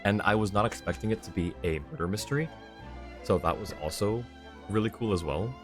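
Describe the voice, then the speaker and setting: With game music in the background, this streamer chats loosely as he plays, musing aloud in an easygoing, meandering fashion. His voice sits fairly low, brisk and somewhat bright.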